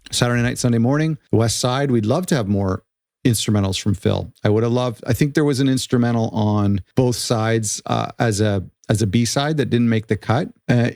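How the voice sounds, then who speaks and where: A man's voice: mid-range voice, a little mellow, dry recording, studio quality. A man hosting a music reaction channel, giving casual, rambling commentary full of restarts and self-corrections.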